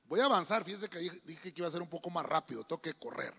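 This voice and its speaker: A pastor preaches a sermon in a church hall with long reverb, calling out to the congregation and repeatedly addressing them as "hermano," or brother. His voice is fairly high, creaky and sharp, with lively intonation and a fast delivery. A faint hiss or hum runs under the recording.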